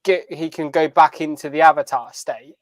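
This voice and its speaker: A podcast co-host chats casually about a TV series as a fan, often repeating phrases while he thinks. His voice is on the high side and steady at a normal speed, with no room sound.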